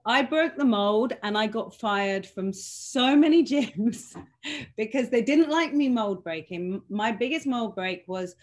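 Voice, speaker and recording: A woman fitness trainer telling personal stories in a self-mocking, laughing way, pronouncing her R's softly as W's. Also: fairly high pitch, lively intonation, unhurried. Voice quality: cannot pronounce R's properly, says w for r. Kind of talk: animated personal storytelling in conversation.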